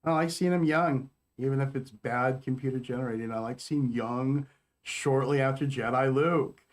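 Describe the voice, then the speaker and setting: A man co-hosting a fan review podcast in casual chat, animated and full of fillers that trail off. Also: mid-range voice, moderate pace. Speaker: podcast co-host.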